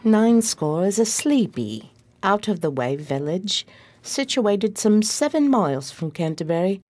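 In a radio-play style, a woman narrates and acts as a loyal, long-suffering detective's assistant, sounding slightly prim and expressive. Her voice is mid-range and her pace measured.

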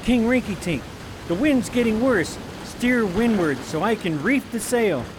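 Very high-voiced earnest young prince. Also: male voice, expressive, unhurried, noisy background. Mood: urgent. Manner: earnest, plain-spoken. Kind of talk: theatrical radio play acting.

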